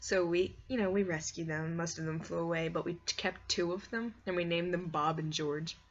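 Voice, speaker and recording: In a casual vlog-style ramble, a woman with a fairly low voice talks at normal speed, expressive and squeamish, exclaiming in disgust and filling her sentences with "like." The recording sounds dull and lo-fi, with clear background noise.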